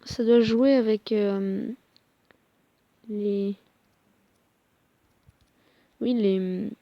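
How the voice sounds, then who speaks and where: A young woman talks casually over a mobile game, hesitant, full of fillers and quick apologies. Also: mid-range voice, steady tone, no echo, highs cut off. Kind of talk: casual gameplay commentary.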